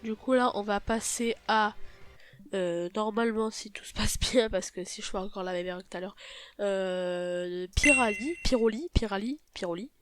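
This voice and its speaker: A woman's voice: medium pitch, fairly even intonation, normal speed, clear, resonant tone. A woman with a cold and a blocked, nasal voice gives a casual, hesitant game tutorial, often correcting herself. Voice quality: nasal, stuffy blocked-nose voice. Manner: hesitant, self-correcting, apologetic. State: sick with a blocked nose. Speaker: YouTube gaming video host.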